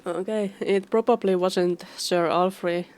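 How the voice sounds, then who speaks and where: A woman reading a role-playing video game aloud, narration and choices alike, with pauses. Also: lowish voice, steady tone, a little mellow, no echo. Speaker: game streamer.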